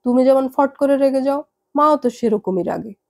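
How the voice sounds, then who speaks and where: A woman voicing a calm young adult daughter who reasons patiently with her parents. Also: sits high, normal speed, creaky. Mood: patient, reasoning.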